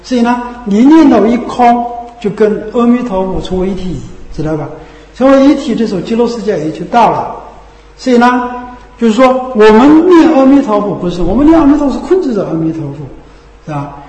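Man, Buddhist sermon, high mellow voice, rhetorical tag questions, echoey hall with long reverb. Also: animated, a little fast. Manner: drops low and soft on the tag questions. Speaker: Buddhist teacher. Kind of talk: Dharma sermon.

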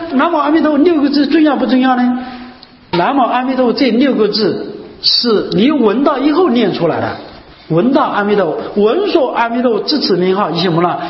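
A man giving a Buddhist dharma talk, asking his listeners rhetorical questions and repeating key phrases again and again. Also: sits high. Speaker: Buddhist teacher. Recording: muffled, echoey hall recording with faint hiss.

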